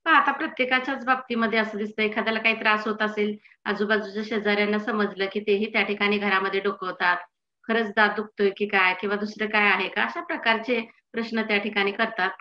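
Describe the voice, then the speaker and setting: A woman's voice: medium pitch, fairly even intonation, quick pace, sharp tone, dull audio, a little hiss or hum. A woman teacher explaining a textbook chapter to students in an explanatory manner, often prompting them to "see".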